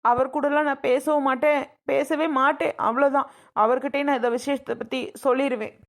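A woman's voice: high-pitched, fairly even intonation, brisk. A woman playing a stubborn young bride who resents her marriage, in speech. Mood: defiant. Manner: defiant, resentful, complaining. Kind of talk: homemade family drama skit.

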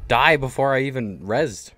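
A young man streaming a shooter game, excitable and profane, laughing loudly and trash-talking. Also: medium pitch, normal speed, soft background music. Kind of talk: casual gaming chat. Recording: keyboard clicks and typing behind. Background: keyboard clicks.

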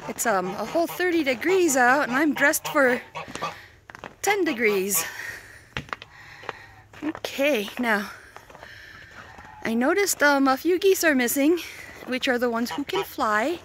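A high-voiced woman talks slowly and fondly to her pet goose, slipping into cooing baby talk and soft chuckles. She is out in the cold on a farm, with geese honking and wind noise clearly audible around her. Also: expressive. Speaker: vlogger. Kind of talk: casual outdoor vlog with pet geese. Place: outdoors on a cold farm property.

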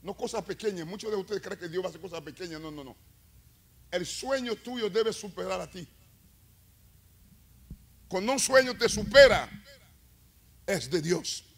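High-voiced preaching man, building to shouts. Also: normal speed, gravelly, long pauses, husky. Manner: preaching with rising, shouted climaxes and call-and-response. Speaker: evangelist. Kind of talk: sermon. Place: church.

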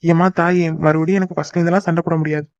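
A man's voice: a little high, flat delivery, racing, no room sound, muffled recording, lightly acted. A young man voicing a teasing, devoted boyfriend in a cartoon, coaxing and joking. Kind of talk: cartoon voice acting.

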